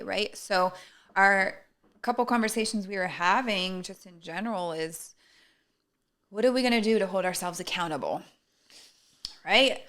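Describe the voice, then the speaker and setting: Lady hosting a podcast, bright gravelly voice, easygoing chat with lots of ums. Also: fairly low pitch. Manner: relaxed, reflective, with frequent fillers. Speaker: podcast co-host. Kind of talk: casual chat.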